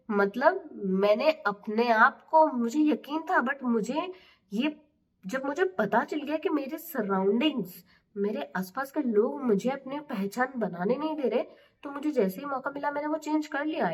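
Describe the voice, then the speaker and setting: A woman's voice: fairly high pitch, recorded from a distance. A young woman with a Marwari accent tells her own story as a candid, chatty motivational talk, slipping English phrases in. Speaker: motivational speaker.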